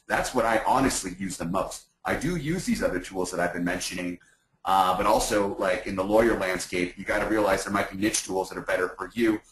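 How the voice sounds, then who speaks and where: A man's voice: low voice, fairly bright tone, roomy sound, poor audio. A man speaking as a panelist on a video call, chatty and casual. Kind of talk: casual expert discussion.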